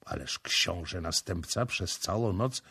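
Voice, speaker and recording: A man's voice: deep voice, measured pace, gravelly, bright, forceful tone, breathy edge, no echo, studio quality, heavily acted. A man reading a storybook, voicing a frightened male provincial governor who protests. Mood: protesting.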